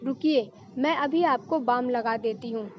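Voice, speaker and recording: Woman reading a teasing giggly young woman, high-pitched, storybook, muffled lo-fi recording. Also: measured pace, slight background noise, lightly acted.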